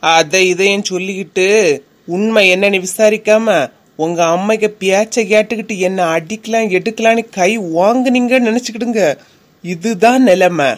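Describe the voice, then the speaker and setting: A woman's voice: mid-range voice, normal speed, natural voice. A woman with a Kanyakumari Tamil accent voicing a bossy, tough young wife in a cartoon comedy, scolding her husband in a commanding way.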